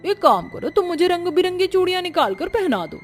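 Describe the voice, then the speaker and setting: A woman's voice: extremely high pitch, sing-song, fairly quick, faint music behind, voice pushed up. A woman voicing a friendly village woman who calls out to a street vendor.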